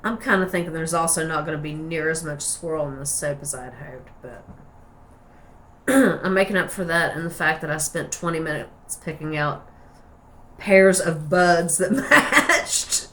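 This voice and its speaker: Speaking low and at a measured pace, this woman has a fairly bright tone and an Appalachian hillbilly accent. She's a soap maker hosting her own craft vlog, chatting casually and playfully as she rambles along in a folksy manner.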